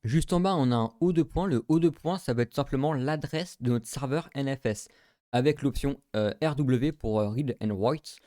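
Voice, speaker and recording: A man's voice: mid-range voice, moderate pace, warm tone, no echo, studio quality. A man, casually talking through a screen-recorded tech tutorial, with many fillers and thinking aloud.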